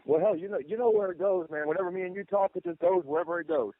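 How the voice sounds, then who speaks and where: A man's voice: high-pitched, very fast, no echo. A man chatting casually as a podcast guest over a narrow phone connection. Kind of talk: casual chat. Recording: narrow, tinny phone-line audio.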